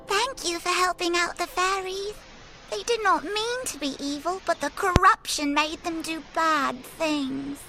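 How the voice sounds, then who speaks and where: A woman's voice: very high-pitched, unhurried, noisy background. A woman voicing a tiny, joyful female pixie in a fantasy game, with a small childlike voice and a sweet, earnest manner. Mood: joyful, grateful. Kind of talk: scripted fantasy game character dialogue.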